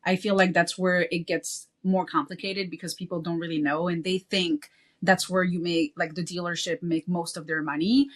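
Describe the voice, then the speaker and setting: A Belgian woman, formerly a car salesperson, chats casually as a podcast guest, frequently checking in with "you know" and "right?". Her voice is fairly low-pitched and a bit bright.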